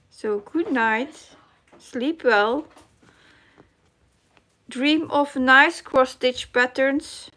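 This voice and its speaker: Speaking extremely slowly and pausing often, a middle-aged woman reads comments aloud on her casual cross-stitch live stream. She has a Dutch accent and searches for her English words. Her voice is high and a bit bright.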